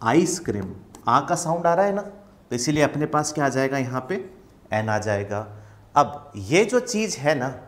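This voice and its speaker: A young Indian man teaching English grammar in an online class, patient and reassuring, asking questions and then answering them himself. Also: a little high.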